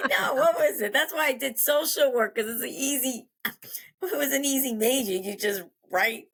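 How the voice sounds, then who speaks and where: An older woman from Long Island, New York, telling personal stories casually as a podcast guest, halting and repeating her phrases. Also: high voice, fairly bright tone, husky.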